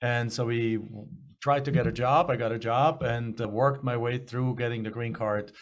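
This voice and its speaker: Interview guest: middle-aged man with a German accent, mid-pitched, candid and rambling. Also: steady tone, normal speed. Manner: rambling, self-correcting, candid. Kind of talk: casual storytelling interview.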